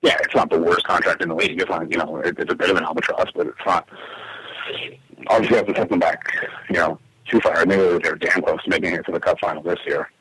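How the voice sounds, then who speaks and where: A man's voice: low voice, steady tone, quick pace, fairly bright tone, breathy edge, no echo, rough recording. A man co-hosting a casual sports podcast in an attic, talking through his analysis in an agreeable, conversational way. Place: attic of a house, recording in summer heat.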